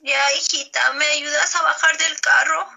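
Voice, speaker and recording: A frail old Mexican mother , acted by a woman, with a high, very bright voice. She speaks haltingly and politely, depending on others in this amateur drama. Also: fairly even intonation, creaky, dull audio, exaggerated voice. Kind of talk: amateur acted role-play.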